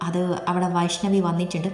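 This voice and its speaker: A woman's voice: fairly low pitch, level tone, fairly quick, natural voice. A woman voicing an uneasy young husband and father who explains himself hesitantly, read as story dialogue. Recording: echoey room, long reverb, soft music.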